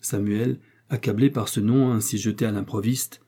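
A man narrating a classic novel as an audiobook in a measured, even storytelling manner. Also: lowish voice, slightly rough. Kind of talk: scripted narration.

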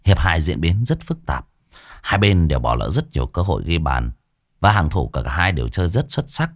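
A man's voice: deep voice, wildly swooping pitch, normal speed, dry recording, studio quality. A man narrating an audio story in a dramatic, earthy, colloquial way.

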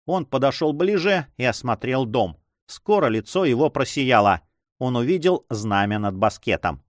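A man reads an adventure story aloud, and his pitch rises and falls with lively expression. His voice sits in a middle register. The sound is close and dry with no room around it. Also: moderate pace, no echo. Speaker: narrator. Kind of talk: audiobook narration.

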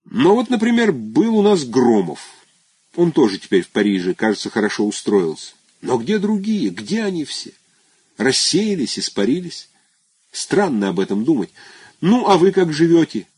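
A man putting on a high, gushing old classmate. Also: very animated, moderate pace, darkish tone, breathy edge, no echo. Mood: effusive. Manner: effusive, exclaiming, rambling memories. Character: chatty nostalgic former classmate, adult man. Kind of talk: audiobook character voice.

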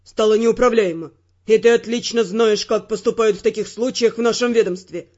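A woman's voice: a little high, brisk, a little mellow, lo-fi sound, voice pushed down, natural voice. A woman voicing a stern senior male spy who scolds harshly, in an audiobook reading. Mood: stern, angry.

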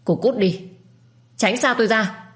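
A bitter young husband, icy and harsh, telling someone to leave in an audio story, as a woman reader puts him on. The low voice pushes upward when he snaps. He is plainly wounded and unforgiving. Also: expressive, normal speed, a little mellow, close to an everyday voice. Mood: furious. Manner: cold, harsh.

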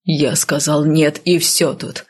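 A woman's voice: deep voice, fairly even intonation, measured pace, vocal fry, breathy edge, pitched below the performer's own voice, heavily acted. A woman voicing a grim, stubborn man cursed and bound to death, curt and stern, in an audiobook. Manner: stern, curt, speaking through clenched teeth. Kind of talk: audiobook character voice.

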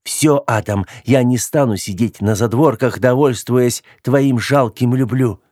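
A man's voice: medium pitch, a little slow, a little mellow, no room sound, close to an everyday voice. A man reading the part of a proud, hurt young woman with a cutting, scornful way of speaking, in a dry, close recording. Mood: bitter.

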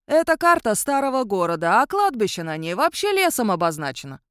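A woman's voice: medium pitch, brisk, clear, resonant tone, no room sound. A woman voicing a curt, dry-witted male spirit, as in an audiobook. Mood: blunt. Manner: deadpan and curt. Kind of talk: audiobook narration.

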